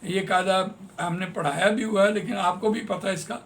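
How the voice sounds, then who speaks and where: Man, Quran teacher, classroom lesson, patient, repeats words slowly, high voice, gravelly. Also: steady tone, a bit bright, faint music behind. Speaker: Quran tajweed and translation teacher. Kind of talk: classroom lesson explaining Arabic grammar in Urdu.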